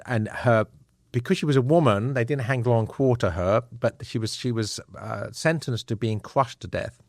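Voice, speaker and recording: A man's voice: on the low side, no room sound, clean studio sound. A man being interviewed as an author and scholar, telling stories earnestly and conversationally with many restarts. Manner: frequent fillers and restarts, earnest.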